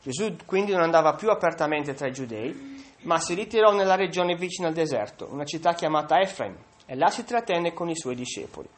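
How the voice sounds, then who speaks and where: A man's voice: a little high, expressive, brisk. A man preaching a sermon, who reads a long Bible passage aloud and then explains it, with the occasional slip and restart. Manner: occasional slips and restarts while reading.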